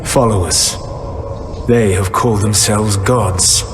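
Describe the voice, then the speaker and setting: The Dread Wolf, a grave ancient elf god. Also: male voice, on the low side, music in the background. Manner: calm, deliberate, formal speech. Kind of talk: video game cutscene acting.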